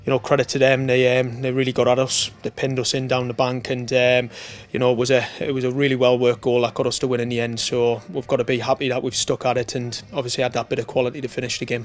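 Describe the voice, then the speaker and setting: Measured, flat-toned football manager. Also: male voice, medium pitch. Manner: steady, measured talk with frequent fillers and restarts. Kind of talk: post-match interview. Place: indoor press room in front of a sponsor board.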